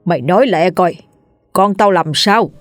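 A woman doing a gruff cruel old landlord. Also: lowish voice, normal speed, no echo, faint music behind, lightly acted. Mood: furious. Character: cruel hot-tempered old village landlord.

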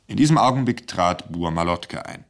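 Low-voiced man reading satire. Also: expressive, normal speed. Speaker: narrator.

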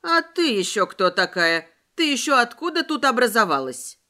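Woman voicing a booming bossy neighbour aunt. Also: sing-song, moderate pace, sharp tone. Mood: triumphant scolding. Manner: booming, indignant ranting. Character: loud bossy middle-aged woman neighbour, shrill scold.

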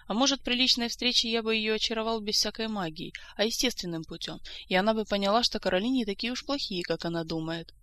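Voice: mid-range voice, fast, few pauses, sharp tone, lightly acted. An audiobook reader voicing a joking, playful young king from a fantasy tale. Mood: teasing. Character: jovial teasing young male king.

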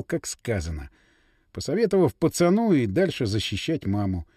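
Man reading a novel aloud, warm mellow voice, dead dry studio sound. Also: on the high side, no room sound. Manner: expressive, measured reading. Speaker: narrator. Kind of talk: audiobook narration.

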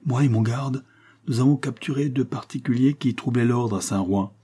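A man's voice: mid-range voice, normal speed, dark tone, breathy edge, voice pushed up, natural voice. A man voicing a deferential rural forest-guard sergeant reporting to his superior.

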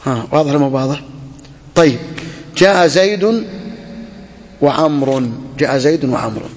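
A man gives a classroom grammar lesson, voice sitting slightly high. He says each phrase twice and keeps asking the students whether it is clear. A long reverb trails his words through the hall. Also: animated, normal speed. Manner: repeats phrases, quizzes students with questions. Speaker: teacher of Arabic grammar.

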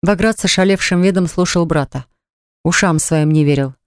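Audiobook reader, steady and even, smooth crisp tone, dry close studio sound. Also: mid-range voice, normal speed, no room sound. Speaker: audiobook narrator. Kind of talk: scripted narration of a romance novel.

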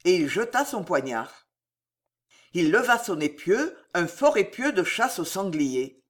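An audiobook reader narrating a dramatic historical novel in a slow, expressive storytelling manner. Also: medium pitch.

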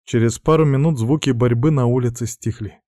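A man narrating fantasy fiction as an audiobook in a steady, even storytelling voice. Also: mid-range voice, fairly quick, no room sound, clean studio sound. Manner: steady, even storytelling with dramatic sound words.

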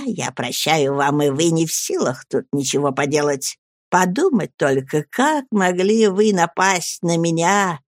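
A sly, falsely humble young man murmurs in a soft, slow, ingratiating voice, as a male audiobook reader puts him on. The recording is close and dry, with no room around the voice. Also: a little high, no echo. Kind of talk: audiobook character reading.

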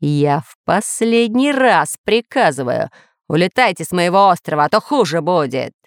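A gloating masked villain out of a children's storybook, as a woman narrator puts him on. He booms his threats slowly in a lowered voice, with a close, dry sound. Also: animated, fairly bright tone, smooth, no room sound. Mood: menacing. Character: boastful masked villain, self-styled ruler of the island.

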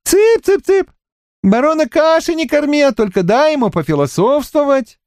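A man voicing a sardonic, prickly army officer who taunts others, at times in a squeaky falsetto, in an audiobook. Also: animated, normal speed, darkish tone, dry recording, clean studio sound. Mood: squeaky taunting. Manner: mocking, switches to a squeaky falsetto. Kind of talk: audiobook character reading.

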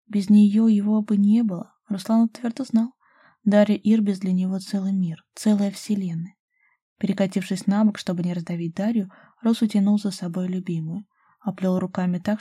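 Warm-voiced woman narrating a romance. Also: medium pitch, slightly rough. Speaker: audiobook narrator.

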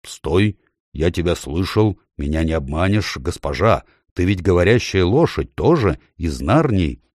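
A noble talking stallion in an audiobook, speaking in a stately, instructive manner, voiced by a man. The voice sits low but swings widely. The recording is close and dry. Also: big pitch swings, a little slow, a little mellow, no echo, exaggerated voice. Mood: lofty. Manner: stately, lecturing. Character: proud noble male talking warhorse.

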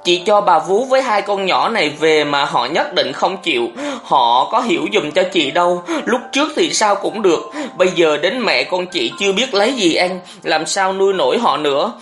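A woman's voice: fairly low pitch, expressive, normal speed, few pauses, soft background music, pitched above the performer's own voice, lightly acted. A narrator voicing a bitter, suspicious young mother who scolds her brother in an audiobook. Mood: reproachful. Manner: scolding, reproachful. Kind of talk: audiobook character reading.

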